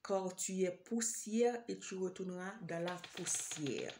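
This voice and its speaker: With a lowish voice and a slightly slow pace, a Haitian woman with a Haitian accent delivers a hesitant, informal sermon straight to the listener, full of fillers and repeated phrases, over a noisy background.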